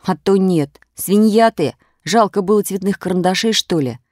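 A woman voicing a boastful little schoolboy who shouts threats at his classmates in a storybook reading. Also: mid-range voice, normal speed, no room sound, studio quality, voice pushed up, close to an everyday voice. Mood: cocky. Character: cocky small schoolboy, boastful bully.

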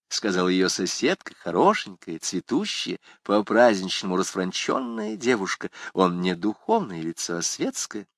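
A man narrating a literary novel with a dramatic, expressive delivery. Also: low voice, normal speed, hardly any pauses, no echo, clean studio sound. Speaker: audiobook narrator.

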